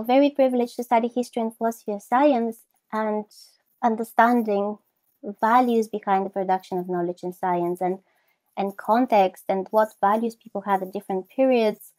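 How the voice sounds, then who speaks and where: A philosopher of science appears as a guest in an academic interview, answering thoughtfully, enthusiastically and reflectively. She speaks with a Bulgarian accent in a voice pitched on the high side yet dark in tone. The recording is dry.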